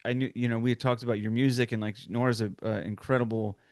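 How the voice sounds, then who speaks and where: A man's voice: mid-range voice, level tone, fast talker, darkish tone. A man guest telling a personal story in a casual interview, rambling with restarts and laughing now and then.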